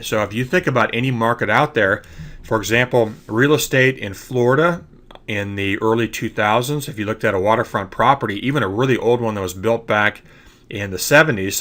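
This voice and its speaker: Over slides in a screen-recorded lecture, a man teaches trading ideas, frequently pausing to ask "okay?". His allergies leave his lowish voice congested, and its tone is sharp.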